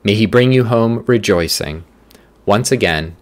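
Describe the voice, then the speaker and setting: A man with a somewhat low voice reads scripture and leads prayer for a church's daily devotion. He speaks in measured, deliberate short phrases. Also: expressive. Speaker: church reader leading morning prayer.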